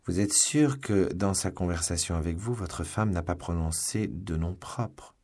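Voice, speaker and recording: Man reading as a shady cloaked agent, probing, deep husky voice. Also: a little slow, darkish tone. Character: cold secretive male agent in a cloak. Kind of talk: audiobook reading.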